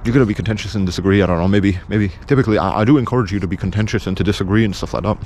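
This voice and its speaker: Very fast-talking British man, bluntly insistent. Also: fairly low pitch, a little mellow, a little hiss or hum. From England. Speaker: video presenter. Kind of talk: unscripted opinion monologue.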